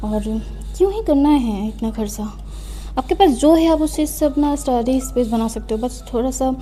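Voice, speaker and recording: A woman's voice: sits high, expressive, normal speed, mellow, faint music behind. A young woman student chatting casually while tidying her study desk, self-mocking and a little out of breath. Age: young adult. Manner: chatty, self-mocking, mixing in English phrases. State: slightly out of breath. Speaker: student vlogger. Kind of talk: casual desk tour chat. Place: her study room at home.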